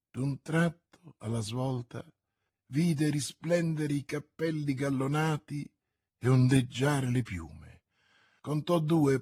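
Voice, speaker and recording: Husky man narrating a classic novel. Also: fairly high pitch, a little mellow, dry recording, studio quality. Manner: measured, dramatic storytelling. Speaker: audiobook narrator.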